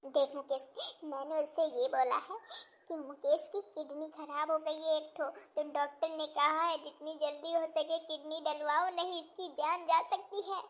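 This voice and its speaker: A woman voicing a scheming middle-aged mother-in-law in a cartoon, in a high sped-up cartoon voice. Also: slow, a bit bright, full character voice. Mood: hushed, conspiratorial. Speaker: cartoon character.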